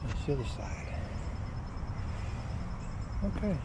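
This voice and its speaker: A man vlogging a bike ride on a park trail, making relaxed, offhand remarks to viewers through a bike-mounted camera mic. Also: on the high side, slow. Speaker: cycling vlogger. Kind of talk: casual commentary while riding. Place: outdoor greenway trail on a bike. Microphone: action camera mounted on the bike. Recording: dull outdoor camera audio with loud wind and traffic noise.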